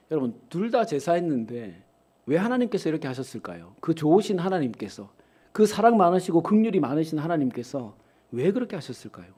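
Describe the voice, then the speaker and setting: A man's voice: on the high side, mellow, breathy edge. A middle-aged man preaching a sermon in a church, putting rhetorical questions to the congregation. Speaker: pastor. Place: church sanctuary.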